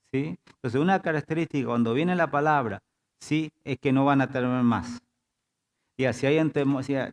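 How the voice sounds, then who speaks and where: A man's voice: medium pitch, darkish tone. Man preaching a sermon with call-and-response. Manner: repeats "diga" and "¿sí?" to engage the congregation. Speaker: pastor. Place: church.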